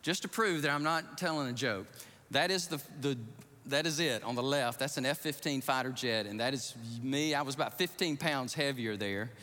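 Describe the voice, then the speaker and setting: A man preaching as a pastor, telling a story in an animated, excitable way and jumping up in pitch to act out scenes, in a church sanctuary. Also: normal speed. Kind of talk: storytelling sermon. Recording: reverberant hall.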